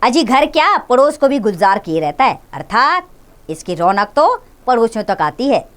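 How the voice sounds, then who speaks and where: A woman's voice: a little high, big pitch swings, moderate pace, a bit bright. A woman voicing a talkative neighbourhood shopkeeper who chats jovially about the boy. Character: chatty neighbour shopkeeper man.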